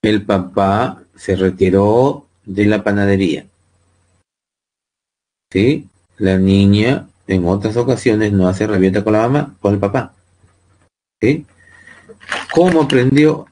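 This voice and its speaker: A man's voice: fairly low pitch, slow, pauses often, warm tone. A man with a Peruvian Spanish accent teaching a psychology class to students online, often checking in with them by asking "¿sí?". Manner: asks students frequent tag questions.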